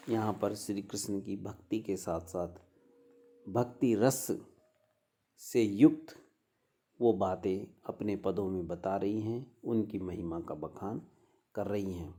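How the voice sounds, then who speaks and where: Male lecturer with a Rajasthani Hindi accent, deep mellow voice, unhurried recitation of verses. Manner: slow, measured, chants verses then explains. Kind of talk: devotional poetry explanation lecture.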